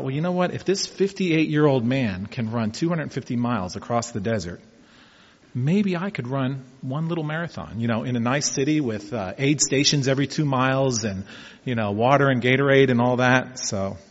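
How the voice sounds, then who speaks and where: A man in his fifties talking casually about taking up marathon running, telling his story in a folksy, reflective way. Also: medium pitch. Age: 50s. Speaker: amateur marathon runner. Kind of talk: casual personal vlog talk. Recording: dull echoey room sound.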